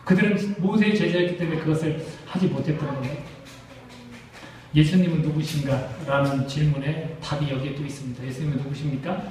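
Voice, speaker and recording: A Korean pastor with a fairly high, slightly mellow voice preaches quickly and emphatically to his congregation, filling the sermon with rhetorical questions. He is recorded in an echoey church sanctuary from a distant mic.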